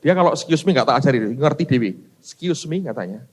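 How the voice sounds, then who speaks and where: Animated middle-aged pastor preaching. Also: male voice, medium pitch, fast. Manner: addresses the congregation as "saudara", animated storytelling. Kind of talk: sermon with personal stories.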